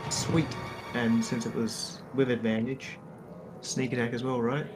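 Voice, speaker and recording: Casual male gamer over loud music. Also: medium pitch, little pitch movement, unhurried. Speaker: tabletop game player. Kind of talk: casual game chat.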